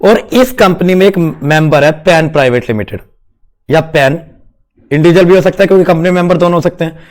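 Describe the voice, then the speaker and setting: A man's voice: on the high side, brisk, a little mellow. A man teaching a class, playful and quizzing his students as he explains, mixing in English terms. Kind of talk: classroom lecture.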